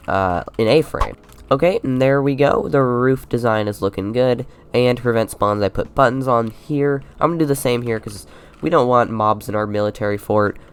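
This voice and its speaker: A young man with a congested, slightly sick voice, giving relaxed, rambling commentary on his Minecraft building. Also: mid-range voice, smooth. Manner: relaxed and rambling, with many fillers. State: congested from a low fever. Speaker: Minecraft YouTuber. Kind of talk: casual gameplay commentary.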